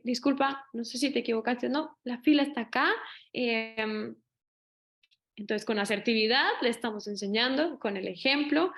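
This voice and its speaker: Lively woman giving an online talk. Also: fairly high pitch. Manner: lively, acts out quoted voices. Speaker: speaker on child abuse prevention.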